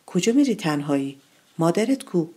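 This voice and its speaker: A woman's voice: on the low side, very animated, warm tone, husky. A woman voicing a nosy neighbor who scolds a child with questions. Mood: scolding.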